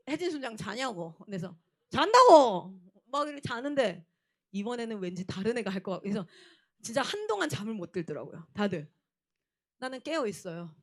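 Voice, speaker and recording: A young woman missionary preaching a sermon who tells stories, acts out shouted scenes and then drops to a low, earnest tone. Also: big pitch swings, normal speed. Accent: Gyeongsang dialect in places. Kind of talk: animated sermon with storytelling.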